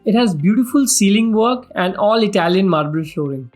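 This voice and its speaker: A man's voice: sits high, animated, normal speed, darkish tone. A man with an Indian accent giving a formal, scripted property tour as a vlog host, in a salesman-like way. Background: background music.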